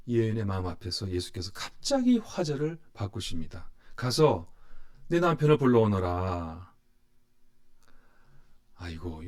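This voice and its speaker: A man's voice: fairly low pitch, mellow. A man teaching a church Bible study, retelling the story expressively and posing rhetorical questions to his class.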